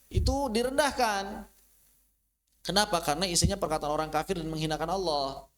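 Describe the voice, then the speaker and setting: A man giving a religious lecture, explaining patiently, his voice rising and falling and sometimes dropping into a slow chant. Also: sits high, fairly bright tone. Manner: explanatory, rises and falls, briefly chants verses. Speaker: Islamic teacher.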